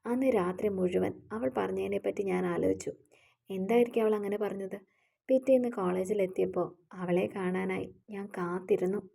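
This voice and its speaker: A woman reading a romantic audio story aloud in steady storytelling narration. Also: medium pitch, moderate pace, creaky. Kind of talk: scripted narration.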